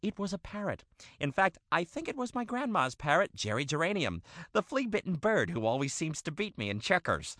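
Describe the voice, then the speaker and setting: A man voicing an excitable male dog who hosts a bird show, hammy and quick to lose his temper. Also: on the high side, dry recording, clean studio sound. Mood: cheery. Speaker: show host. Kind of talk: cartoon voice acting.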